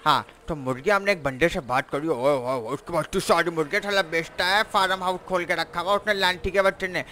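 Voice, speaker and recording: A man's voice: on the high side, fast. A man with a Pakistani Urdu accent doing casual in-character game roleplay, brash and teasing, calling his viewers his sons. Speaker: gaming vlogger and roleplayer. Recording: loud traffic and engine noise.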